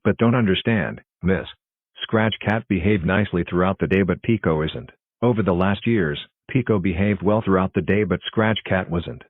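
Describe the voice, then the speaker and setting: A man's voice: low-pitched, moderate pace, dry recording, phone-quality sound. A synthetic-sounding man voicing a worried, suspicious cartoon father in a stiff, formal way. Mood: concerned, polite. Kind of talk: scripted cartoon dialogue.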